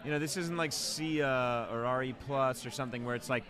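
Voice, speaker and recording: A man hosting a casual chat, voice at a middle pitch, joking and tossing out quick questions. Clear crowd chatter fills the space behind him. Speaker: podcast host.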